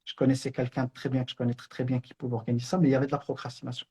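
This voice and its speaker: Middle-aged male teacher; fast, husky, earnest spiritual reminder. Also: medium pitch, flat delivery, mellow. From Belgium, Brussels. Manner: earnest, conversational storytelling with many fillers. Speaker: online Islamic teacher.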